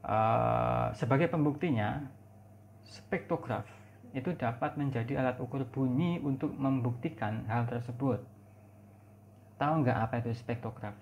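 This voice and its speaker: Indonesian guy lecturing, gravelly voice, muffled lo-fi audio with faint hiss, drags out example words. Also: mid-range voice, a little mellow. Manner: slow explanatory teaching, asks the listener questions; stretches out example words when demonstrating sounds. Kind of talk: recorded university lecture. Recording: dull lo-fi recording with faint noise.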